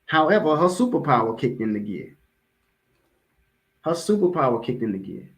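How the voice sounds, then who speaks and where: In a poor-quality recording, an American man delivers an informal motivational sermon as a public address. His voice is slightly high and sing-song at a normal pace, and he repeats key phrases for emphasis while checking in conversationally with listeners.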